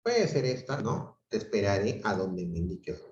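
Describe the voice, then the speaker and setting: A man's voice: lowish voice, sing-song, moderate pace, a little mellow. A male teacher giving an online grammar class, explaining step by step and checking in with his students often. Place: home room on a video call. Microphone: video call microphone. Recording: roomy, dull video call audio.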